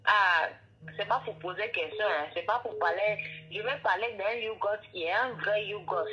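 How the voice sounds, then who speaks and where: A woman's voice: mid-range voice, normal speed, faint music behind. A woman from Cameroon with an Ivorian accent, calling in by phone and chatting in a rambling way. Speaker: phone caller. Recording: muffled phone line.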